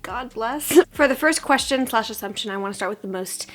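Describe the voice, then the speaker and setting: A woman's voice: fairly high pitch, brisk, fairly bright tone. A young woman talks in a casual, chatty beauty-vlogger style. Her voice sounds froggy, as if she is a bit sick. She keeps an informal, self-deprecating way of talking, as though getting ready alongside friends. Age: young adult. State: sick with a cold-like hoarseness.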